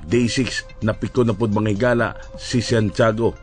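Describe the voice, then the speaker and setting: A man's voice: lowish voice, fairly even intonation, moderate pace, faint music behind. A man with a Cebuano accent giving wry broadcast news commentary, often addressing listeners as friends.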